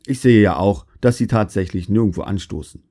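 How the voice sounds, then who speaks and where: A grumbling, fault-finding old master craftsman who can't stop scorning everything he sees, as a storyteller puts him on. He talks low and dark, half under his breath, a storybook grouch. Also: brisk, close to an everyday voice.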